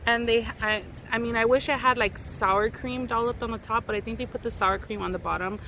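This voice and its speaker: A woman's voice: fairly high pitch, fairly even intonation, brisk. A woman chatting casually and informally to camera as an eating-show host, peppering her talk with slangy exclamations. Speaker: mukbang vlogger, host. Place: outdoors in a park. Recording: clear outdoor ambient noise. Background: outdoor ambience, wind.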